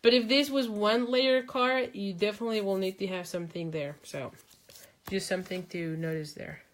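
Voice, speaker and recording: Her mid-range voice keeps fairly even intonation at a normal speed as she hosts a live crafting demonstration. She's a native speaker from Mexico who chats, thinks aloud as she works, says um often, and answers viewers' comments.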